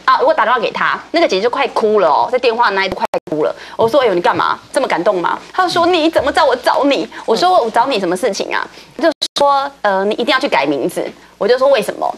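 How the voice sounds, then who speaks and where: Fast-talking animated woman telling a story. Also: on the high side, slight background noise. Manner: lively, acts out others' lines, laughs often. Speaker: guest on a talk show.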